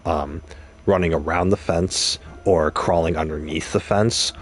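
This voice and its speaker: A man's voice: low voice, steady tone, measured pace. A young man streaming a game, talking casually and rambling through an explanation with examples and restarts. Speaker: gaming streamer. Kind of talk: casual commentary while gaming.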